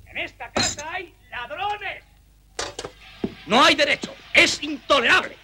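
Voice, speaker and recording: An actor playing an indignant male lodger who accuses the house of theft, in a shrill, outraged voice with a gravelly, husky edge. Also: animated, fast, noisy background. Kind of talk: film dialogue.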